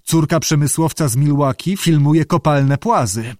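A man's voice: a little high, moderate pace, darkish tone, dry recording, clean studio sound, lightly acted. A man voicing a soothing, flowery young American man.

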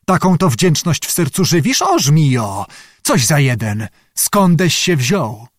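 Male reader doing a haughty older princess, raised pitch, sharp insults, dry close sound. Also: very animated, unhurried, no echo. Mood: furious. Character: proud, furious older princess, mother of princes.

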